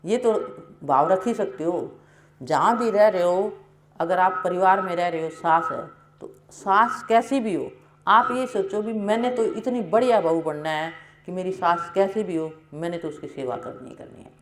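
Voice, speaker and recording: A woman's voice: on the low side, expressive, moderate pace, a little hiss or hum. A woman giving a devotional sermon, telling homely stories in an earnest, folksy way. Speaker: satsang preacher. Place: ashram hall. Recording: roomy hall echo.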